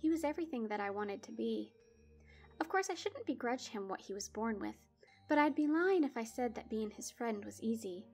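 A woman's voice: a little high, animated, normal speed, darkish tone, soft background music. A woman telling a spooky story in the first person, wry and dramatic. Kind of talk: scripted horror story narration.

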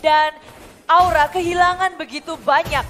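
A woman giving animated live commentary on a mobile game match as an esports announcer. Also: very high voice, moderate pace, soft background music. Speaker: esports shoutcaster.

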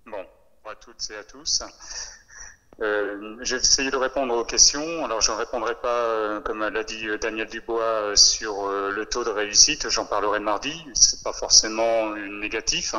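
A man heard through a phone on speakerphone, giving a formal briefing to trainee teachers and pausing often with fillers. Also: on the low side, fairly even intonation, bright, forceful tone. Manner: hesitant, with many filler pauses. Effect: heard over a phone on speakerphone. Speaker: education official addressing trainee teachers. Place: relayed into a meeting room over a speakerphone. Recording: phone on speakerphone with long room reverb.

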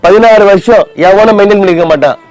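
A man's voice: sits high, fast talker, a little mellow. A man, sulking and complaining in a scripted comedy sketch as a husband. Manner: sulky, whiny complaining.

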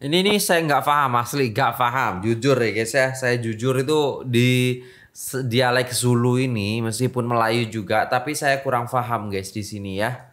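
A man's voice: medium pitch, normal speed, fairly bright tone. A man hosting a casual reaction video, talking chattily and often tagging his sentences with "guys".

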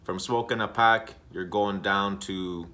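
A man in his thirties casually chatting on a smoking vlog, rambling and repeating himself with many pauses, recorded in a room on a webcam. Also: on the low side. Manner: rambling, repetitive, relaxed, with many uhs. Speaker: smoking vlogger. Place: indoor room.

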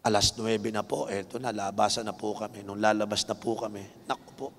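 A man with a Filipino accent preaching a sermon, telling a personal story with lively acted-out voices and switching between Tagalog and English. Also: on the low side, fairly quick. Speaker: bishop preaching. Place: large indoor dome arena. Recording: long reverb of a big hall.

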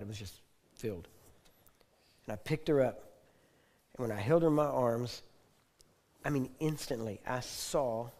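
Male preacher, mid-pitched mellow voice, intense repetitive testimony. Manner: intense storytelling, repeats phrases, rising to loud proclamations. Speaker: preacher teaching on healing. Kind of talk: sermon-style personal testimony. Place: teaching hall.

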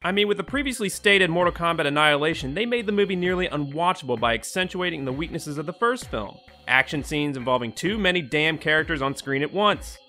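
Pushed and bright, this fairly high male voice belongs to a twenty-something host of a video game movie review show. He narrates a scripted video essay from a small home room, sounding wry, sarcastic and profane.

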